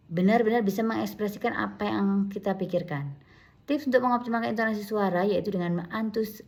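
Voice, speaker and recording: A woman's voice: medium pitch, vocal fry, darkish tone. A middle-aged woman giving a recorded university lecture, listing her points in order and often correcting herself mid-word. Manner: lists points in order with frequent self-corrections.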